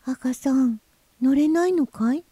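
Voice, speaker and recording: A woman's voice: sits high, expressive, unhurried, dark tone, no room sound, pitched above the performer's own voice. A woman voicing a small timid boy goldfish who asks anxious questions. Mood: worried.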